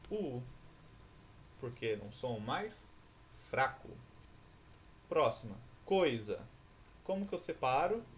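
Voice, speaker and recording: Brazilian male teacher, middle-pitched voice, patient lesson-giving, faint hiss behind him. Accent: Brazilian Portuguese. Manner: patient, asks the class questions and answers them himself. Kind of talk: recorded classroom lesson.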